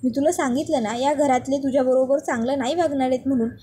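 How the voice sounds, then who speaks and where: A woman voicing a gentle young husband reassuring his wife to stay as she is. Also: high-pitched, fast, husky. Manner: soothing, reassuring.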